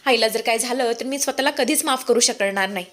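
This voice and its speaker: A woman voicing a worried young son, hurried and pleading. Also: fairly high pitch, fairly bright tone, lightly acted.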